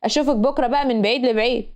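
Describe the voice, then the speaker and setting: A woman's voice: on the high side, steady tone, racing, a little mellow, lightly acted. A woman voicing a teasing young male student with an Egyptian accent. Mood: cheeky. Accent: Egyptian Arabic. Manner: teasing, cheeky.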